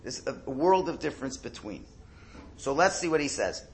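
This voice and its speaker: A man's voice: medium pitch, expressive, moderate pace, a little hiss or hum. A rabbi giving a religious text lesson, reading and translating aloud in an explanatory way, his speech slightly off from a cold sore on his tongue. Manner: explanatory, repeats phrases in translation.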